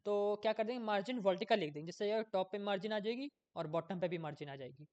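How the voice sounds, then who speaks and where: A man's voice: sits high, fast, darkish tone, lo-fi sound. A man giving a casual coding tutorial, thinking aloud as he works, often losing his place and checking in with viewers.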